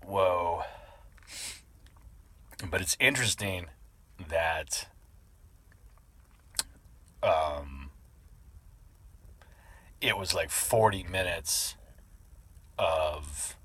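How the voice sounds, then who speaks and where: Deep-voiced man vlogging, sneezing between remarks. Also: drawn-out words, pauses often, pushed and bright, no echo. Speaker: video creator. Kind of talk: casual rambling vlog talk.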